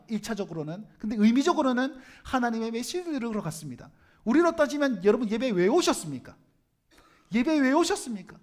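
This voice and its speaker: A middle-aged man with a Gyeongsang accent preaching a sermon as pastor, humorous, asking the congregation questions and acting out what others say. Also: very high voice. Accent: Gyeongsang Korean. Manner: humorous, asks the congregation questions, acts out quoted speech.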